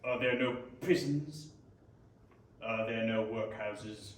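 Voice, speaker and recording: A man plays a solemn, dying spirit in a staged ghost story. The words come slowly and sternly, with heavy room echo and the mic some distance away. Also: fairly low pitch, slight background noise. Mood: stern warning. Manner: grave, deliberate. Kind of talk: readers theater stage reading.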